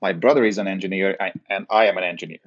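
A Hungarian engineering executive, appearing as a podcast guest, explains things in an interview with a Hungarian accent. His voice is low and steady and his delivery rapid-fire, on dull, lo-fi audio.

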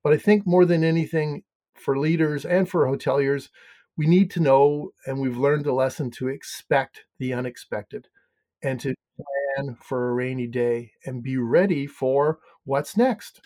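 A man's voice: medium pitch, a little slow, dark tone. A man in his fifties from Canada with a Canadian accent, speaking as a guest in a podcast interview about hotel finance, conversational with many ums and restarts.

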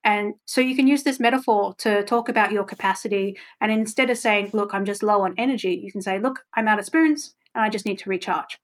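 As a podcast guest in a casual interview, this woman speaks at a medium pitch, fairly quickly and with few pauses. She's open and reflective, dropping frequent ums.

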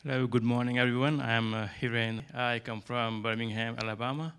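A man introducing himself to an investor group politely and in a measured way. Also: mid-range voice, fairly even intonation, a bit bright, clear, resonant tone. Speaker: new investor club member.

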